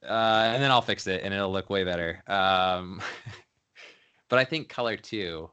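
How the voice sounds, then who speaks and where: A man's voice: sits low, unhurried, pushed and bright, clear, resonant tone, highs cut off. A man being interviewed as a photographer, talking in a laid-back, slangy way and laughing often. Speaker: photographer guest. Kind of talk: casual interview chat.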